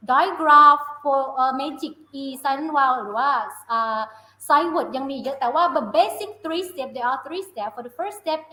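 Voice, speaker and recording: A woman teacher with a high voice explains phonics on a live stream, moving between Thai and English. She keeps checking that her listeners understand, and the sound is roomy and echoey. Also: pushed and bright. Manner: mixes Thai and English, asks checking questions. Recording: roomy echo.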